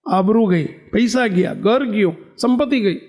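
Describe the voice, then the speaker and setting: A man's voice: high voice, measured pace, a little mellow. A man giving a sermon as a swami, pleading earnestly and repeating key words for emphasis. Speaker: swami preaching. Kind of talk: sermon with storytelling.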